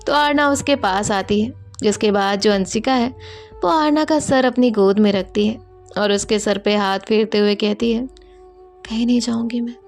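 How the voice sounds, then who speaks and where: A woman narrating a romantic story in a calm, even storytelling voice. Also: mid-range voice, moderate pace, soft background music.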